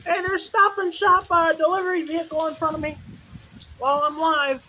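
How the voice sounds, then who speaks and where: A woman giving excitable live storm-chasing commentary in short, repeated exclamations. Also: very high voice, normal speed. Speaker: storm chaser livestreaming. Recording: noisy outdoor recording with rain and wind.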